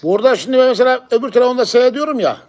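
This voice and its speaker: A man's voice: very high-pitched, expressive, very fast. A man in casual conversation, explaining things step by step and often repeating himself. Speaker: pigeon live-stream channel owner. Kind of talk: casual chat.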